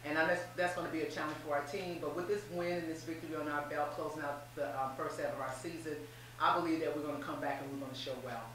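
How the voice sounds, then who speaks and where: A woman's voice: low-pitched, steady tone, fast, a bit bright. A middle-aged woman, a head basketball coach, speaking upbeat and emphatic in a post-game press interview at a table mic. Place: small room with posters, seated at a table. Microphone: table mic on a stand, voice picked up from off the mic. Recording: very echoey room, distant mic, faint hum.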